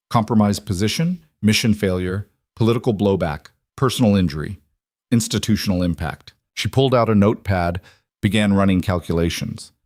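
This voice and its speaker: Measured, low-voiced male narrator. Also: no echo, studio quality. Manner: measured, terse, deadpan. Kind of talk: scripted story narration.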